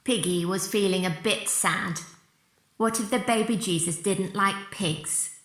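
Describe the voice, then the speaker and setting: A woman reads a children's storybook aloud at an unhurried pace, her voice bright and clear. The room sounds roomy, with faint music playing beneath. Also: mid-range voice. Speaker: children's author reading her book. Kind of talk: storybook narration.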